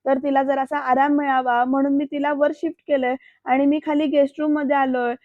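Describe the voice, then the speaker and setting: A woman voicing a calm, authoritative wealthy male boss who speaks briefly, on a dull, dry recording. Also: sits high, fairly quick, no echo, lightly acted. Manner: brief, commanding.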